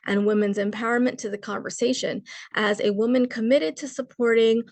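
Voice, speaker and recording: Woman host, fairly high, gravelly voice, formal introductions, dry close sound. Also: fairly even intonation, fairly quick, darkish tone, dry recording. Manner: formal, reads guest introductions. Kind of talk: hosting an online panel.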